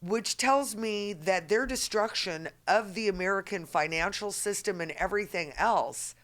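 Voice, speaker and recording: A woman's voice: medium pitch, moderate pace, fairly bright tone. A middle-aged woman hosting a political podcast, making emphatic points in long run-on statements. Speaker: podcast host.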